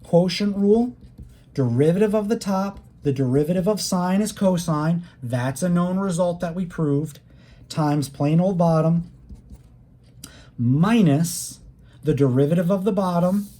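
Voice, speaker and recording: Unhurried and warm, at medium pitch, a math teacher walks students through a recorded calculus lecture. The delivery is plain and conversational, aimed straight at the students, explaining every step patiently and emphasizing key words.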